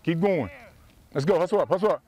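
A middle-aged man coaching football drills outdoors, yelling short, repeated commands from the sidelines. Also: on the high side, animated, quick pace, slightly rough. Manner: clipped, repetitive commands. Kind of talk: drill instructions on the practice field.

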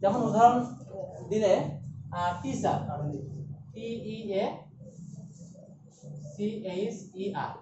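A woman's voice: mid-range voice, extremely slow, long pauses, recorded from a distance. A woman teacher lectures a class, going over each point twice and checking in with tag questions. She sounds set back from the mic, in a roomy, reverberant space. The recording is dull and lo-fi, with a faint hiss underneath. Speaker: English grammar teacher.

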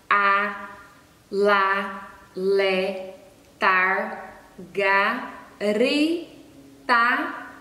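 Recorded in an echoey room at a distance from the mic, a woman teaches young children, patiently sounding out letters and syllables at a slow pace. She asks questions and then answers them herself, in a voice on the high side with a fairly bright tone.

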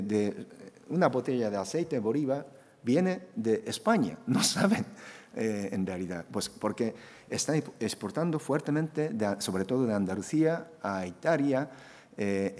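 A man's voice: lowish voice, a little mellow. A middle-aged Japanese man with a Japanese accent speaking Spanish as a second language, giving a hesitant conference talk full of fillers and restarts at a panel table microphone. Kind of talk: conference presentation. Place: conference hall. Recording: echoey conference hall.

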